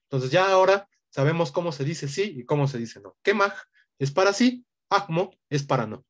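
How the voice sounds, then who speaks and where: A man's voice: on the high side, animated, brisk. A man teaching an online language lesson, explaining patiently and often checking in with a questioning tag.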